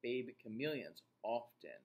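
With a medium-pitched voice, a middle-aged man shares a picture book with young children, reading expressively and deliberately. Every so often he pauses to put a question to them.

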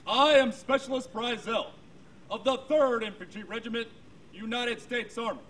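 A soldier making a loud, formal announcement at an outdoor ceremony, heard through loudspeakers. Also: male voice, extremely high pitch, normal speed, a little hiss or hum.

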